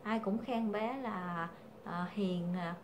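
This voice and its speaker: A woman's voice: medium pitch, slow, noisy background. A young woman, chatting casually to her viewers as a mother, hesitant and full of fillers. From Vietnam. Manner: hesitant, many fillers, calls viewers family. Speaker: vlogger, mother.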